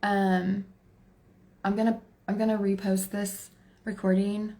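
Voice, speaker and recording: A Texan woman in her forties hosts a live tarot stream and chats loosely with the people watching. She laughs easily, talks to herself and keeps stopping to answer the chat. Her voice sits at an ordinary middle pitch. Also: flat delivery, a little slow, warm tone. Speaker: tarot reader livestream host. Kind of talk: casual livestream chat.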